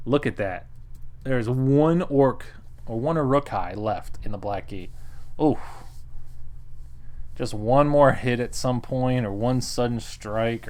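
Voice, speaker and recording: A man talks through a board game he played, in an easy, wry, conversational way. He laughs often at his own moves and acts out lines from the table. His voice sits at an ordinary middle pitch. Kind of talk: casual game recap commentary.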